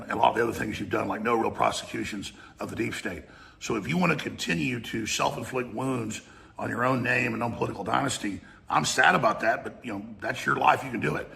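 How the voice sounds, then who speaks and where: A man's voice: medium pitch, creaky, pushed and bright, a little hiss or hum. A man giving a combative political rant, speaking straight at the person he is attacking. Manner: combative, addresses target directly. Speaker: political commentator. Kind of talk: political rant played as a clip.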